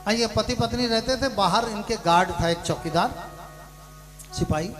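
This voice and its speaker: High-voiced male preacher telling a parable. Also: moderate pace, music in the background. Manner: shifts between hushed storytelling and loud shouted punchlines. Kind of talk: sermon storytelling with acted dialogue.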